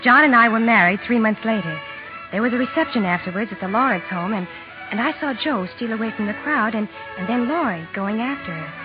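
An actress in a 1940s radio drama playing a gentle, proper young eldest sister, romantic but proud. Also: female voice, fairly high pitch, lively intonation, a little fast, natural voice. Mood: wistful narration. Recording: old lo-fi radio recording, music behind.

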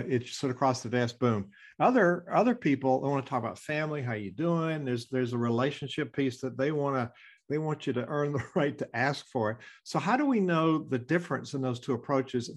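A man's voice: mid-range voice, expressive, a little fast. A man interviewing a guest, prompting with questions and light jokes. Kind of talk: conversational interview.

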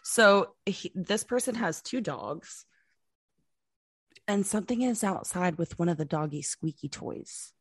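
A woman co-hosting a casual podcast chat, telling the story behind each clip in an animated way and laughing often. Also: fairly low pitch, unhurried, breathy edge, no room sound, clean studio sound. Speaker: co-host showing videos.

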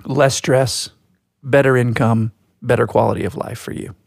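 A man co-hosting a podcast, talking in a reflective, storytelling way, slow and deliberate. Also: mid-range voice, fairly even intonation, gravelly, no room sound, studio quality. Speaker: podcast co-host. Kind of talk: casual podcast chat.

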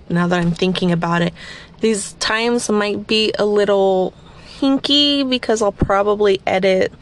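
Sleepy, slightly raspy woman podcaster. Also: mid-range voice. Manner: chatty and rambling, self-deprecating. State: slightly raspy, just woken up. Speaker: podcast host. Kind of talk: casual guided cleaning session.

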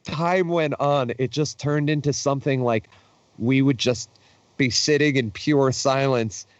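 A man's voice: mid-range voice, fairly even intonation, unhurried, dry recording, muffled recording. A young man in casual chat, telling tour stories in a rambling, profane way with lots of fillers and restarts. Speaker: podcast guest, touring musician.

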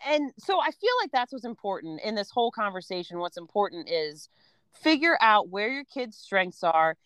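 A woman in her thirties chats casually as a podcast co-host, frank and easygoing, with plenty of "um" and "you know." Her pitch sits in an ordinary middle range. The sound is dry and close, with no room echo. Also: very animated, normal speed, a bit bright. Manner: chatty, frank, many fillers like "um" and "you know". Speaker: podcast co-host, homeschooling mom.

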